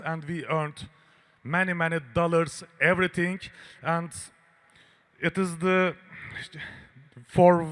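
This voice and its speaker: A man giving a conference presentation in halting, English. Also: fairly high pitch, fairly bright tone. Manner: halting non-native English with loose grammar. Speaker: conference speaker from a game publishing company. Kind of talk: conference presentation on game design.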